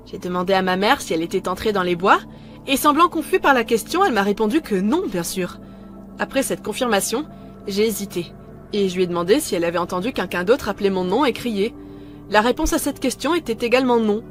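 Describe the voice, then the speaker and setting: A woman narrating a first-person horror story in a calm, measured way, scripted. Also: mid-range voice, faint music behind.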